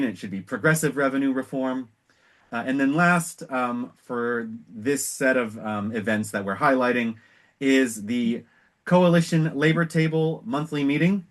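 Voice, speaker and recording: An American man with a medium-pitched voice leads an organizational meeting. He explains things informally in measured phrases, pausing and trailing off now and then as he presents. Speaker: executive director hosting an organization meeting.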